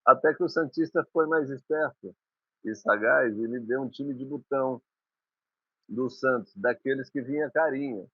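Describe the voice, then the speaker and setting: A man's voice: medium pitch, normal speed, no room sound. Man reminiscing, phone-like sound. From Maranhão, Brazil. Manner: rambling, reminiscing, with restarts. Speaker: guest musician. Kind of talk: conversational storytelling.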